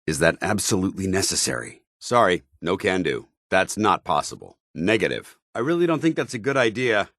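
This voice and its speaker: An actor playing a stern, dutiful, righteous paladin soldier in a video game, with a clipped, authoritative military delivery. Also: male voice, low voice, a bit bright, no room sound, clean studio sound, heavily acted. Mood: stern, disapproving. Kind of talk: video game companion voice lines.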